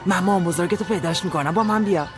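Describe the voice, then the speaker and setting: A woman's voice: lowish voice, over loud music, natural voice. An actress dubbing a stranger who pushily coaxes a lost girl to come with her. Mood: coaxing. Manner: coaxing, pushy. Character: pushy stranger woman coaxing a lost girl. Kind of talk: dubbed TV drama.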